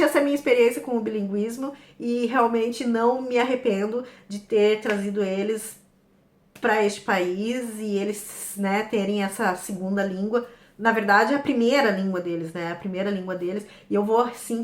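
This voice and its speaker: Brazilian woman with a Paraná accent, echoey room. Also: fairly high pitch. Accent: Paraná Brazilian Portuguese. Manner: lively, laughs often, quotes family dialogue. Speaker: interview guest, mother. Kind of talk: casual chat.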